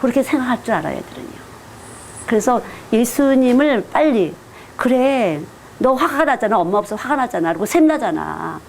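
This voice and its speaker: A woman's voice: fairly high pitch, sing-song, normal speed, vocal fry, slight background noise. Earnest woman giving a church lecture. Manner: earnest, direct, conversational preaching. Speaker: children's missionary lecturing teachers. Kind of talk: teacher-training lecture.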